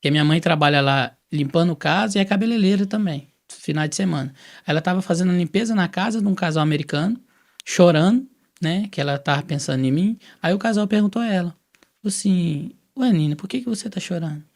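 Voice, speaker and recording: A man's voice: high-pitched, a little fast. A man from Brazil telling his personal testimony in a casual, storytelling way, acting out the dialogue he quotes. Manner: lively storyteller who acts out quoted dialogue.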